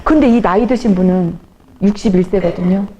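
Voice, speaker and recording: A woman evangelist giving a testimony talk at a church event. She tells her stories in an animated way, acting out the people she quotes, and slows to a soft, earnest tone for her main points. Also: medium pitch, dull audio.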